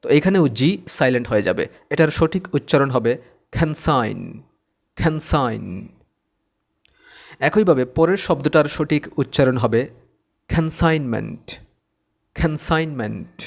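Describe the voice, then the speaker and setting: A man's voice: a little high, lively intonation, moderate pace. A man teaching English pronunciation, patiently repeating each word twice. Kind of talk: slow-paced pronunciation lesson.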